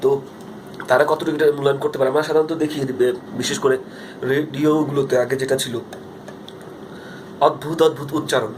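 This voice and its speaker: A man's voice: mid-range voice, fairly even intonation, moderate pace, long pauses, noisy background. A young Bangladeshi man speaking Bengali with a Bangladeshi accent, talking earnestly into his phone's front camera in a casual video diary, with many fillers and restarts. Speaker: vlogger.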